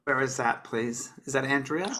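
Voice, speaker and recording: A man's voice: medium pitch, normal speed, sharp tone, slight background noise. A man working as a psychic medium, giving earnest, coaxing readings to audience members and calling them honey and baby.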